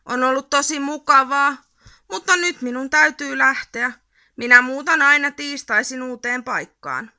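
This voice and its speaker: A woman voicing a wandering troll in a storybook, lively and exclaiming. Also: sits high, pitched above the performer's own voice, heavily acted. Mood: wistful. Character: lonely wandering troll, cheerful then wistful. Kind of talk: storybook reading.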